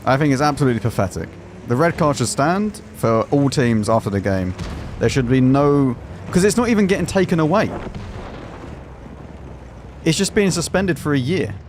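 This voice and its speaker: A man's voice: a little high, lively intonation, moderate pace, darkish tone, a little hiss or hum. An English man live streaming a game, chatting casually in an opinionated, exclamatory, colloquial way. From England. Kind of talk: casual live stream commentary while gaming.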